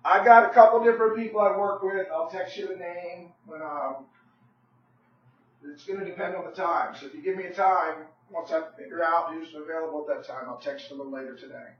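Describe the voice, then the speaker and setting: A hoarse man losing his voice, a real estate agent making a pushy, persuasive sales call who keeps checking in with "okay?" and clears his throat often. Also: on the high side, fairly even intonation, brisk, roomy sound, dull audio, a little hiss or hum.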